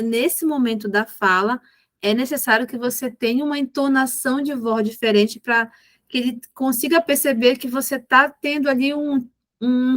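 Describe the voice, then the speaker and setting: A woman's voice: a little high, fairly bright tone, no room sound. A woman, a mentor patiently explaining behavior management with examples. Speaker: ABA mentor.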